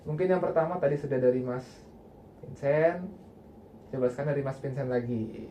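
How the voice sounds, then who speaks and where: Mellow young man leading group counselling. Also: medium pitch, normal speed. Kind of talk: casual guidance to a small group. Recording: faint background noise.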